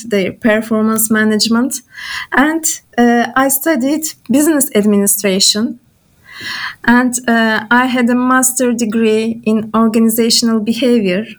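A woman, born in Bulgaria and raised in Turkey. She answers interview questions in English, a language, with many pauses and fillers. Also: fairly high pitch, fairly even intonation. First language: Turkish. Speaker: guest.

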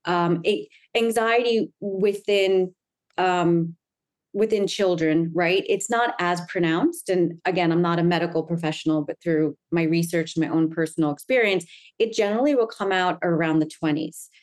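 Earnest woman with a lowish voice. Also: normal speed. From United States. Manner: earnest, fluent storytelling with frequent "right?" tags. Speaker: guest, anxiety coach. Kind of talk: conversational interview.

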